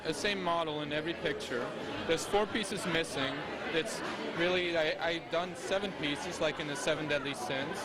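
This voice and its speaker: A man with a slightly high voice gives informal interview answers as an artist. He explains haltingly and hesitantly, with a loud crowd chattering around him. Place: public art gallery, indoors.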